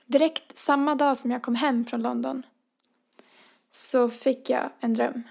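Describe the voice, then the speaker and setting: A woman's voice: sits high, steady tone, gravelly, a little mellow. A woman in her twenties telling a personal story in a chatty way, full of fillers and acted-out dialogue. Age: 20s. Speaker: podcast co-host. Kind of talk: casual storytelling.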